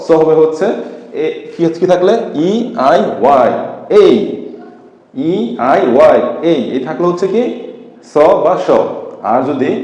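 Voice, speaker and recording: A man's voice: fairly high pitch, warm tone. A man teaching a phonics lesson, spelling words out letter by letter and answering his own questions. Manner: patient, asks questions then answers them. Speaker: English teacher. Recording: echoey room reverb, faint noise.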